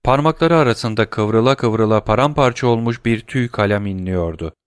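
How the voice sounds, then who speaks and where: A man reading a classic novel aloud as an audiobook narrator, measured and dramatic. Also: on the low side, clean tone, no echo, studio quality.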